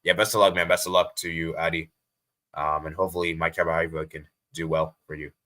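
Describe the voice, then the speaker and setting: A man's voice: deep voice, little pitch movement, quick pace, pushed and bright. An American man hosting a live stream, chatting casually and reading viewer comments aloud, often repeating himself. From USA.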